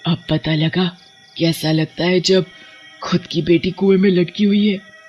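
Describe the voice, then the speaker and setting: A woman voicing a vengeful young female witch ghost in a cartoon, with a husky, bitter, menacing way of talking. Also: fairly low pitch, steady tone, measured pace, a little mellow, lo-fi sound, faint music behind.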